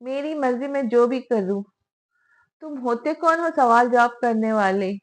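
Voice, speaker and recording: A woman reading the lines of an angry, jealous young wife in a romance audiobook, sharp and defiant. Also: fairly high pitch, measured pace, lightly acted.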